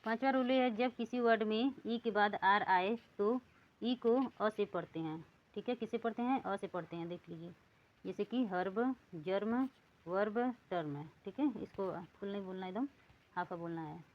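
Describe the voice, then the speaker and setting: A woman teaching English reading rules, saying words one at a time and repeating them slowly. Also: mid-range voice, lo-fi sound. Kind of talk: lesson.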